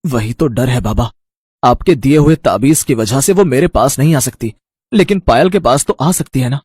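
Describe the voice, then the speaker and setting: A man voicing a scheming husband who seeks immortality and speaks in a dismissive, secretive way, with a husky voice. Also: medium pitch, expressive, moderate pace, a little mellow, no echo, studio quality.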